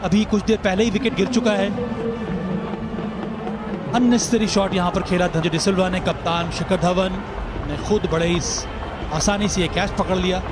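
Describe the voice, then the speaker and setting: A man giving live cricket commentary with excited, emphatic calls. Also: high voice, moderate pace, long pauses, over loud music. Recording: noisy stadium crowd behind commentary.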